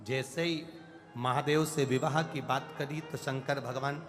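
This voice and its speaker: A man's voice: medium pitch, fairly even intonation, unhurried. A man from Madhya Pradesh, India, delivering a devotional sermon at a large live gathering, with emotional, dramatic storytelling and repeated invocations. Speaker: preacher of religious discourse. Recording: reverberant hall with music.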